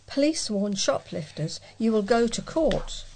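A woman reading local news stories aloud in a plain, even delivery as a volunteer reader. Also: medium pitch, a little slow, slight background noise.

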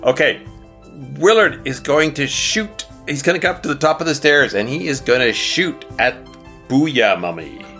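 Bright, lively game master man. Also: mid-range voice, moderate pace, faint music behind. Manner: laughs often, explains rules patiently. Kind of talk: narrating a tabletop game.

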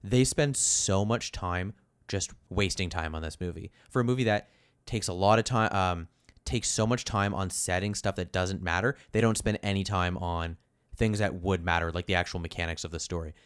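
A man co-hosting a podcast chat about a movie, animated and quick to jump into goofy voices. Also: low voice, clean tone, no echo, studio quality. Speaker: podcast co-host.

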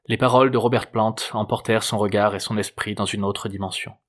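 A man narrating a novel chapter in a measured, even storytelling manner. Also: lowish voice. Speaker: audiobook narrator. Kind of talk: scripted narration.

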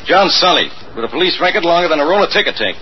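An actor playing a blunt, excitable, gruff police inspector with an American accent, in 1940s radio-drama style. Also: male voice, fairly high pitch, racing, close to an everyday voice. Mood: incredulous. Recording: muffled, noisy old radio recording.

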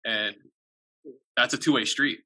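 A man co-hosting a podcast, speaking in an appreciative, halting way with many fillers. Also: mid-range voice, bright, forceful tone. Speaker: podcast co-host. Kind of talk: podcast conversation.

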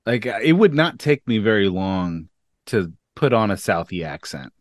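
Animated man telling a story. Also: on the low side, normal speed, no room sound, clean studio sound. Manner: lively storyteller. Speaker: podcast co-host. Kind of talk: casual chat.

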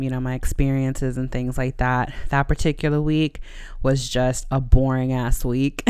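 Casual podcast host, conversational delivery, middle-pitched, exceptionally smooth and clear tone. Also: no echo, studio quality. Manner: conversational, laughs easily while talking. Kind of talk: casual chatty solo podcast.

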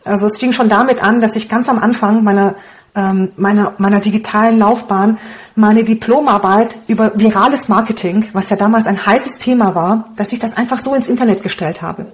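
A woman in her forties from Romania whose first language is Hungarian, a guest blogger and copywriter talking casually in an interview in a lively, cheeky way. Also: mid-range voice, brisk, slight background noise. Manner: lively, cheeky, laughs often.

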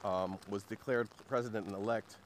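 A man's voice: fairly low pitch, steady tone, a little fast. A man hosting a casual podcast chat, sarcastic and joking, with many fillers. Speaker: podcast host.

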